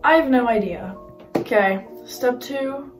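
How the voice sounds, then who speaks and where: A woman's voice: on the high side, unhurried, far from the mic. A young woman vlogging casually to camera in an informal, youthful way, indoors in an apartment. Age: young adult. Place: sparsely furnished apartment room, indoors. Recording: echoey room, away from mic, music behind.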